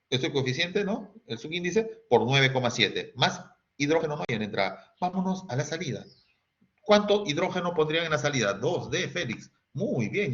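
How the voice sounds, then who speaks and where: Un profesor con acento peruano que da una clase de química en línea y pregunta "¿sí?" a cada rato a sus alumnos. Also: male voice, medium pitch, fairly bright tone. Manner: quizzing students, asking "¿sí?" often, sings snatches. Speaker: teacher. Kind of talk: online chemistry class. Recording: dull lo-fi sound.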